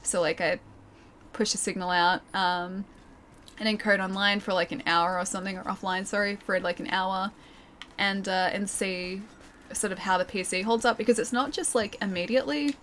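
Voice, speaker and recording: With retainer trays in her mouth, this game streamer speaks a little carefully while chatting casually with her viewers over background music. Her medium-pitched, slightly bright voice keeps a fairly even intonation at normal speed. There's slight background noise.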